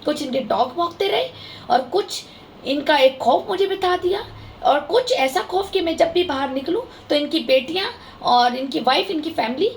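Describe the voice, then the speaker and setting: A woman's voice: sits high, expressive, normal speed, slight background noise. A woman vlogger speaking straight to her viewers in an aggrieved, impassioned and accusing monologue. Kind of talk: emotional vlog monologue to viewers.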